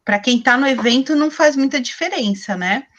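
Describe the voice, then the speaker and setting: A workshop teacher in her forties gives an online class from a small room at home, speaking through her laptop webcam on a video call. Her voice sits high and comes a little fast and a bit bright, though the recording sounds muffled. She's chatty and explanatory, often asking herself questions as she goes.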